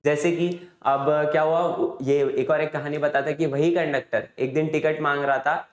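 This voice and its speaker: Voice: medium pitch, fairly even intonation, moderate pace. A teacher giving an exam revision lesson, retelling a chapter's story in a conversational way with frequent rhetorical questions. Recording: roomy echo.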